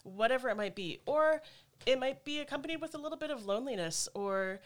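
A woman speaking in a gentle, measured way in a casual, reflective conversation. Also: sits high, animated.

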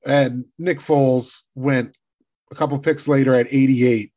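A man's voice: medium pitch, fairly even intonation, unhurried, darkish tone. A man co-hosting a sports podcast in casual chat, teasing dryly while reading out draft picks. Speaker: podcast co-host.

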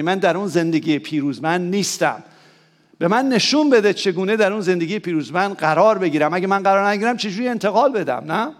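A man with a Persian accent, preaching a sermon to his church. He keeps asking the congregation questions and calls on them to answer aloud. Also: sits high. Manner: rises to emphatic, excited peaks. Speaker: pastor.

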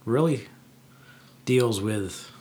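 A man co-hosting a podcast, explaining things in casual chat in a halting way. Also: lowish voice, a little mellow. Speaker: podcast co-host.

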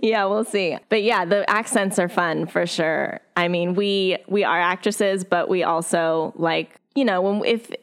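Female guest, lower-pitched, animated storyteller, quick to laugh. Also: smooth. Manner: animated, laughs often, lively acted quotes. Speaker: actress and guest, dungeon master. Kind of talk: casual interview chat.

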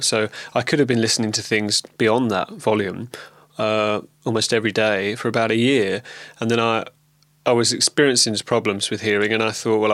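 A man with a lingering cold talks in a relaxed, rambling way, full of ums and restarts, as in a personal video diary. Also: on the low side, no echo. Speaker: vlogger.

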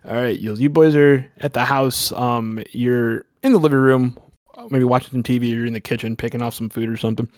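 A man's voice: medium pitch, steady tone, a little fast, darkish tone, no room sound. Brief: casual, swearing male game master setting up a spooky scene, dry sound. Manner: rambling, profane, casual. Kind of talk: narrating a horror tabletop game.

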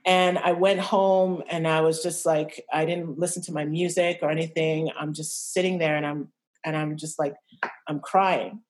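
Podcast guest: young woman, lowish voice, halting and reflective, frequent restarts. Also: little pitch movement. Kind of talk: candid personal interview.

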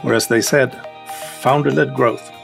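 A man's voice: mid-range voice, steady tone, a little slow, vocal fry, loud music behind the voice. A man hosting a podcast in a playful, upbeat way, laughing often as he welcomes and questions a guest. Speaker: podcast host.

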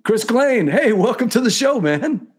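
A man's voice: very high-pitched, very animated, unhurried, breathy edge. A man hosting a live talk show in a chatty, casual style, speaking straight to his viewers.

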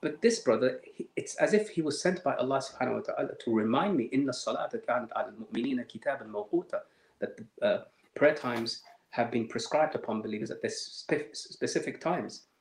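Softly told, reflective man in an echoey room. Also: medium pitch, expressive. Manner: measured, emotional storytelling with many fillers. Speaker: interview guest. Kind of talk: personal testimony in an interview.

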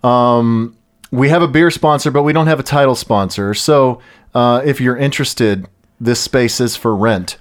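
A man's voice: medium pitch, a little slow. A man hosting a podcast, chatting loosely and jokingly as he plugs the show. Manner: loose and jokey, with frequent "uh" fillers. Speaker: podcast host. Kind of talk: casual podcast chat and sponsor plugs.

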